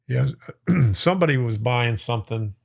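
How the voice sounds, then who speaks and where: A gravelly, animated voice at medium pitch and moderate pace belongs to a folksy Florida man hosting a casual model-train live stream. He chuckles, reads viewer comments and speaks to people by name, though his voice is wearing out.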